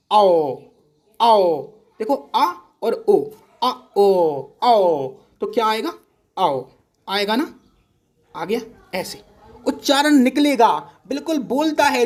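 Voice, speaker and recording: A male teacher giving an exam-prep lesson, patiently repeating syllables and checking often that the class understands. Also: extremely high pitch.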